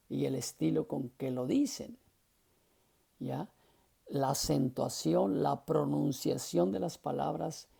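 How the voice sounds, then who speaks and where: A man's voice: on the high side, vocal fry, dark tone, husky. A man teaching a class on preaching, explaining patiently and often checking that his students follow. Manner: explanatory, often checks understanding with short questions. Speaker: homiletics teacher.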